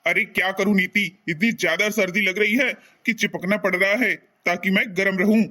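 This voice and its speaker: A man's voice: high voice, steady tone, a little fast, pushed and bright. A man playing a lazy young husband who grumbles about getting out of bed. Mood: grumbling.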